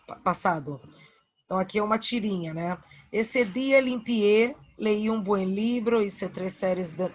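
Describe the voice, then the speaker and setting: Woman teacher, Brazilian Portuguese accent, online grammar lesson, patient, repeats verb forms, checks in with students. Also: medium pitch.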